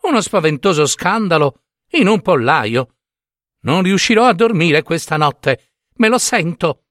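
A man voicing an excitable gossiping hen who exclaims dramatically and rises to a squeal. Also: a little high, measured pace, dry recording, studio quality, voice pushed up. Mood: alarmed. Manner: breathless, exclaiming, rising to a squeal.

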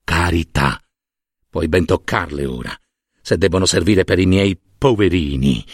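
A man's voice: low-pitched, unhurried, slightly rough, no echo, voice pushed down, heavily acted. Man doing an unctuous old monsignor. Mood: coaxing. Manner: fussy, wheedling, preachy, with soft asides. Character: sanctimonious old male monsignor, fussy and greedy. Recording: dry close studio sound.

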